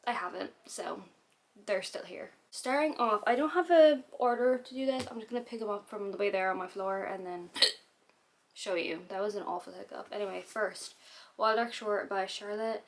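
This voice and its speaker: A woman's voice: mid-range voice, moderate pace. A woman vlogger talking casually about books to camera, rambling and chatty, with hiccups she can't get rid of. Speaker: book vlogger.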